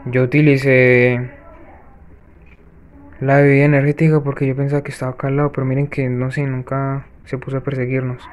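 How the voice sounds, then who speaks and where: Brief: male gaming host, mid-pitched, casual running commentary with sudden gasps. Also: little pitch movement, clear, resonant tone, lo-fi sound. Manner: chatty, talks viewers through the match with quick gasping reactions. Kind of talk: let's-play gameplay commentary.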